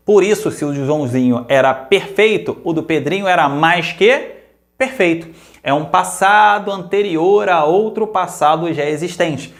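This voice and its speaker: A man with a Brazilian Portuguese accent teaches a grammar lesson in a lively way, slowly repeating examples and checking in with questions. His voice is high-pitched.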